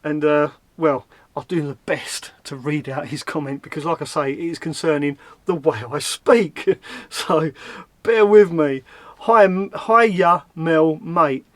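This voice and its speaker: A man's voice: on the high side, a little slow, no room sound. A man with a Cockney accent from London, chatting casually to camera from inside his camper van, with a self-mocking manner. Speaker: van-life vlogger. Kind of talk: casual vlog chat to camera.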